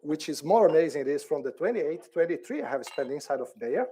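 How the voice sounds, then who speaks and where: A middle-aged man from Brazil speaks on a conference panel in a mellow, soft-edged voice. He talks haltingly, often restarting and repeating words, and laughs easily. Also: a little high, animated, a little hiss or hum. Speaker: department head on a panel.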